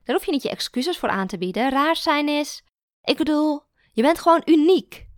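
A woman's voice: high voice, animated, normal speed, no room sound, clean studio sound, voice pushed up. A woman voicing a blunt, bossy student girl. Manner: direct and teasing. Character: blunt, bossy young female art student.

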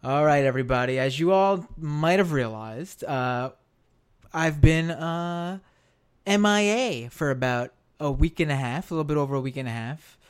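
An American man with a hoarse, worn-out voice hosts a live stream, talking casually and haltingly, repeating phrases for emphasis. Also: fairly high pitch. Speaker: live stream show host.

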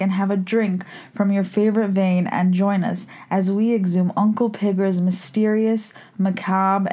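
A woman plays a vampire hostess of a campy horror show. Her voice is mid-pitched, and she delivers scripted lines with theatrical, macabre playfulness. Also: darkish tone, close to an everyday voice.

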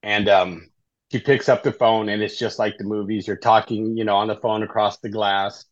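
A man's voice: on the low side, fairly even intonation, moderate pace, no room sound. A middle-aged man from Southern California, a life coach telling his story as a guest in an interview, in a conversational way that keeps tagging lines with "right?". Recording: dull, slightly lo-fi dry audio.

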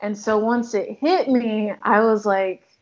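This interview guest, a photographer and filmmaker from the Democratic Republic of Congo, speaks slowly in a mid-range voice. The sound is lo-fi, and her casual, chatty talk is full of likes and ums.

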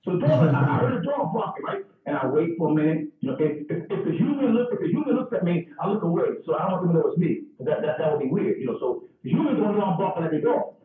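On a video call, a stand-up comedian tells stories in casual chat, his voice on the high side and fast with few pauses. He's animated, acting out voices and dog sounds along the way. The call audio is echoey, distant and phone-like.

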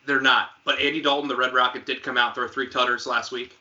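A man's voice: medium pitch, level tone, sharp tone, lo-fi sound. A man co-hosting a podcast, chatting casually about football, quizzing his co-host and tossing in jokes. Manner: quizzing, joking, quick asides. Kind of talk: casual sports chat.

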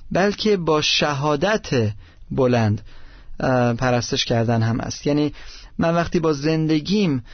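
A man with a fairly high voice preaches earnestly, pausing between the words he lists. The sound is dry and dull, like an old lo-fi recording. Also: animated, no echo. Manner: earnest, listing words with pauses. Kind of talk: teaching on worship.

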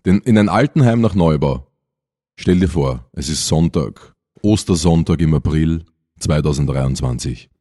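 A man's voice: very deep voice, expressive, unhurried, dark tone, no room sound, clean studio sound. A man co-hosting a casual podcast, telling playful stories and acting out quotes. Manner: playful storyteller, acts out quotes in funny voices. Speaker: podcast co-host.

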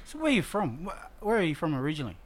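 A man's voice: fairly high pitch, wildly swooping pitch, very fast, background noise. A man with an Australian accent hosting a casual sports interview in an informal, chatty way. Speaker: interviewer, host.

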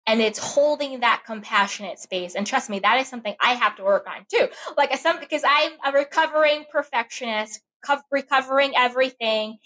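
Animated woman with a high voice. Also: brisk, hardly any pauses. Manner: animated, acts out her inner voice when telling stories. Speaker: podcast guest. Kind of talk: candid conversational advice.

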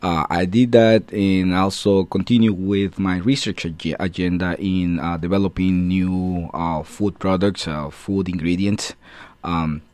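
A deep-voiced guest in his thirties, his plain in his English. He answers radio interview questions hesitantly, with many filler sounds. The sound is dry, with no room around it. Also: steady tone, measured pace, darkish tone, no room sound. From Guatemala. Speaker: guest, assistant professor.

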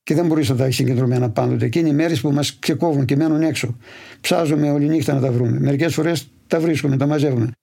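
Gravelly herder. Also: male voice, a little high. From Imathia, Greece. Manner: detailed, steady storytelling. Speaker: livestock farmer. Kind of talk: interview answers.

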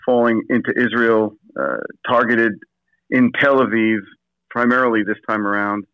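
A man's voice: mid-range voice, fairly even intonation, normal speed, a bit bright, smooth, no echo. Hesitant man speaking over the phone. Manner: hesitant, many fillers and restarts. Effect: heard over the phone. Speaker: assistant pastor, phone-in guest. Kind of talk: casual interview answers. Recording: dull lo-fi phone line, dry.

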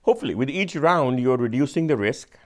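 A man's voice: medium pitch, expressive. Patient man with an Indian accent. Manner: patient, measured explanations with occasional slowed emphasis. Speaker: venture capitalist. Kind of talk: explaining in casual conversation.

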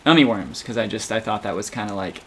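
A man in casual chat, talking haltingly with frequent stammers, restarts and fillers. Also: lowish voice, lively intonation, slight background noise.

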